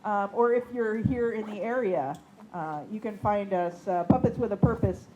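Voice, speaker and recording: A woman's voice: medium pitch, moderate pace, lo-fi sound. A woman leading a puppetry workshop, chatting casually to her class with lots of fillers. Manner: chatty, many fillers, laughs easily. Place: indoor seminary classroom. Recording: faint background noise.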